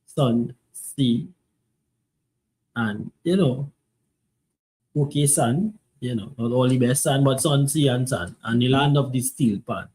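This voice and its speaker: A man's voice: mid-range voice, slow, long pauses, a little mellow, husky, low-quality recording. Trinidadian guy co-hosting, easygoing, lots of um and you know. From Trinidad and Tobago. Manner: rambling, filler-heavy, easygoing. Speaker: co-host. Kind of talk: casual chat show.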